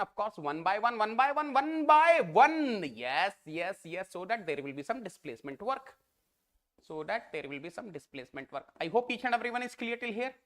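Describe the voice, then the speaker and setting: A man's voice: high-pitched, a bit bright. A man with an Indian English accent, teaching a live online exam-prep class in a Hindi-English mix, repeating each phrase and coaxing his students to answer. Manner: repeats phrases, coaxes students, calls them "beta".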